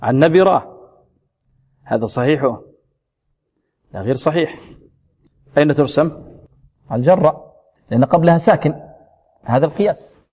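A male teacher giving a Quran recitation lesson, explaining how letters are pronounced and demonstrating words slowly and repeatedly. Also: fairly high pitch, expressive, mellow, husky, big-room sound.

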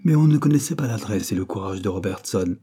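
A male audiobook narrator with a low, dark and slightly husky voice. He reads an old serial novel in a measured, dramatic style, pausing between phrases. The tone stays steady and storybook-like throughout. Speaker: audiobook reader.

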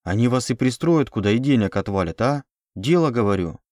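A man voicing a sharp-tongued captive young woman. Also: medium pitch, expressive, fairly quick, no room sound, clean studio sound, close to an everyday voice. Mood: pleading. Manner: pleading and sarcastic.

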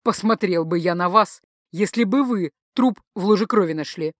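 A woman's voice: medium pitch, normal speed, no room sound, natural voice. Tired sarcastic mage man, cool and clipped, dry sound, woman reading. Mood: irritated. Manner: dry, barely restrained irritation. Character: weary, sarcastic male chief of magic police.

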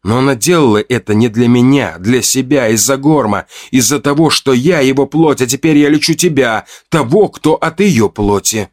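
Give me a stern young healer woman, as a male narrator puts her on, raised pitch. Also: moderate pace, few pauses, darkish tone, close to an everyday voice. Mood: firm. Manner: firm, demanding.

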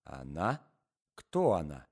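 Brief: jealous young man, hushed and clipped, read by a man. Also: very deep voice, huge pitch swings, slow, vocal fry, heavily acted. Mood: hushed tense. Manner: whispering, terse.

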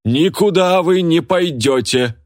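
A man's voice: lowish voice, expressive, moderate pace, dry recording, clean studio sound. A man voicing a jealous, burly young woman who bellows and bosses everyone around. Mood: boastful. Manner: bellowing and bossy.

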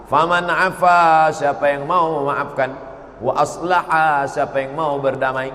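A man's voice: a little high, level tone, a little slow, a bit bright. A man preaching a sermon, asking rhetorical questions and chanting Arabic verses. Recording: roomy hall reverb.

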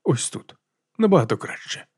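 A man's voice: moderate pace, darkish tone, no room sound, lightly acted. A man reading an audiobook voicing a sly, mocking baron with dry irony. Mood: ironic. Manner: dry, ironic.

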